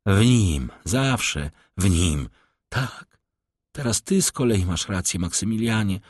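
Man playing a tearful young woman in love, pleading, raised voice, audiobook, very lively pitch. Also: moderate pace, no echo, clean studio sound. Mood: imploring. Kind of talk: audiobook reading of a classic novel.

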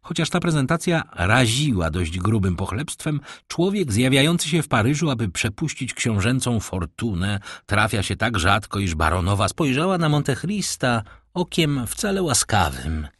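A man narrating a classic novel in a steady audiobook reading. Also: medium pitch, normal speed, few pauses, slightly rough, dry recording, studio quality.

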